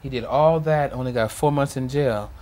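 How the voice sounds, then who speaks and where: A man's voice: mid-range voice, moderate pace. A middle-aged man interviewed as a grieving father, talking emphatically and acting out moments as he tells them. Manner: animated, emphatic, acts out past moments. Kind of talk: emotional interview recollection.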